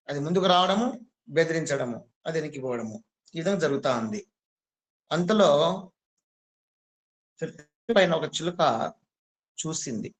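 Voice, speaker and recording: A male spiritual teacher tells a story in a devotional discourse, chatting with his listeners and stopping to ask them questions. His voice sits a little high for a man and stays relaxed and conversational. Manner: conversational, quizzes the audience.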